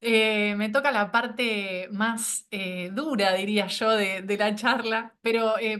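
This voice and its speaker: A woman's voice: mid-range voice, fairly bright tone. A woman instructor presenting a course. She is a bit sick with a cold and keeps checking in with her listeners through tag questions and hesitant fillers. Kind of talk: online presentation.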